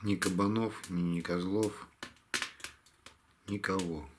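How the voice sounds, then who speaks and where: A tired man talking casually to camera in a halting, resigned way, like a hunting vlogger winding down his day. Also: low-pitched, fairly even intonation, background noise. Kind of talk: casual vlog monologue to camera.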